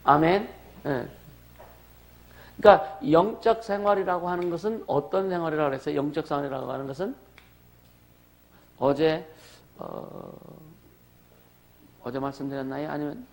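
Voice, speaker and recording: A man's voice: a little high, moderate pace, vocal fry, pauses often. A male pastor preaching a sermon in a conversational way, asking the congregation questions and calling for amens. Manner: conversational preaching with rhetorical questions and calls for amen.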